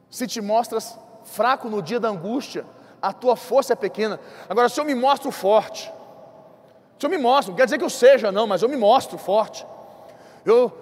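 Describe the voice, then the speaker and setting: Man, Brazilian accent, sermon, impassioned and repetitive, high voice, reverberant church hall. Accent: Brazilian Portuguese. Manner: impassioned, repetitive preaching with quick bursts and slow emphatic drops. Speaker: bishop preaching.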